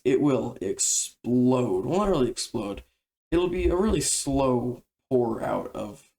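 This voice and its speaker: Casual male game tutorial narrator, mid-range voice with noticeable vocal fry, relaxed and chatty. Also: mid-range voice. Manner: relaxed, conversational explaining.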